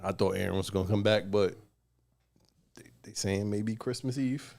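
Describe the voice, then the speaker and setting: A man's voice: lowish voice, normal speed, vocal fry. Laughing man in casual sports banter. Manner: animated, laughs often, casual slang. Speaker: podcast co-host.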